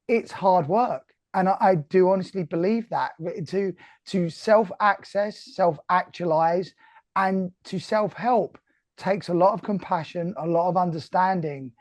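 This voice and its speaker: A man's voice: sits high, a little slow, a little mellow, no echo. Earnest Cockney man hosting. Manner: earnest, reflective, rambling with restarts. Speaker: host. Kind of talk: casual live Q&A interview. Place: remote call.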